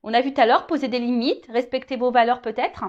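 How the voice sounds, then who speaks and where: A tarot card reader gives her viewers a casual reading, hesitating, restarting, repeating words and often adding little asides. She talks fast in a slightly high voice, and the recording has its highs cut off.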